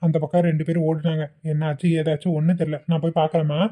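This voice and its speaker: A woman's voice: sits low, flat delivery, fast talker, mellow. A woman voicing a kindly elderly man in a cartoon who frets while minding a crowd of children. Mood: flustered. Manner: fretful, flustered. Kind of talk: cartoon voice acting.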